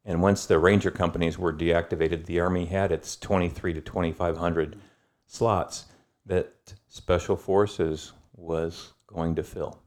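Man, middle-aged, very deep voice, guest historian, thoughtful storytelling, relaxed pauses. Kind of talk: conversational history lesson.

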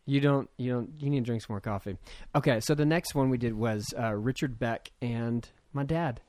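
An upbeat man hosting a podcast, chatting casually and teasing his friends with easy laughter. His voice sits at a middle pitch and sounds dry and close to the mic. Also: a little mellow, no echo. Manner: upbeat, quick to laugh and tease. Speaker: podcast host. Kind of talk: casual chat.

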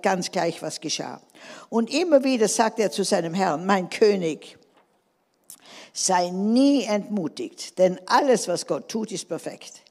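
A woman preacher gives an emphatic sermon, frequently calling on the congregation for an amen. Her voice is mid-range and a little mellow, and a long hall reverb fills the recording.

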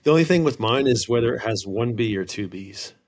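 A man's voice: medium pitch, lively intonation, a little fast, darkish tone, breathy edge. A man co-hosting a podcast in casual banter, telling stories in a laid-back way and laughing at himself. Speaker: podcast co-host.

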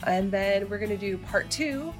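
Woman, podcast host, casual conversational delivery, medium pitch, faint music behind. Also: expressive, normal speed. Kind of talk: casual chat to listeners, co-hosted podcast. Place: quiet, slightly echoey rental townhome room.

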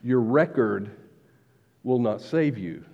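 A man preaching a sermon as pastor, measured, slowing down to stress key words. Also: mid-range voice, lively intonation. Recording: dull lo-fi recording with long hall reverb.

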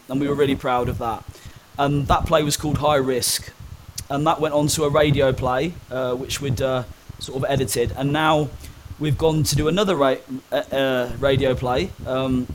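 In this interview, the guest is a young man whose mid-range voice holds fairly even intonation at a normal speed. He shares personal stories openly but haltingly, full of ums and false starts, against a noisy background.

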